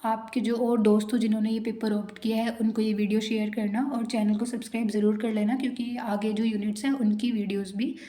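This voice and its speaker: A woman giving a university lecture, explaining each point step by step and reading out English points slowly. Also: fairly high pitch, flat delivery, warm tone. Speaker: teacher. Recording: echoey room.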